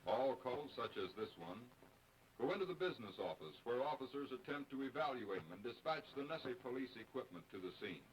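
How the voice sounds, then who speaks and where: Male American narrator for a 1950s-style training film: formal, measured, instructional read, vintage film sound. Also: medium pitch, very animated, a little hiss or hum, rough recording.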